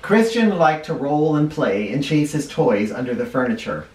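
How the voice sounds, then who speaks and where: A first grade teacher with a slightly high voice reads a picture book aloud at normal speed, expressively, pausing now and then to explain words to young kids. The mic is some distance away, giving a roomy echo.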